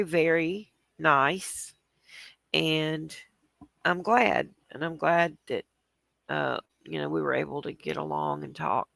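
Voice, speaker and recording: A woman with a low, creaky, stuffy-sounding voice hosts a casual livestream, chatting and rambling as she greets viewers and laughs softly. The recording is dry.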